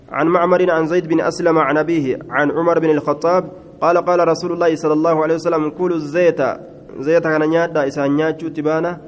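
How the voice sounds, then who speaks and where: A man giving a hadith lesson, reading the Arabic text aloud and explaining it in Oromo, on a dull lo-fi recording. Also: fairly high pitch. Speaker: hadith teacher. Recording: dull lo-fi recording with faint noise.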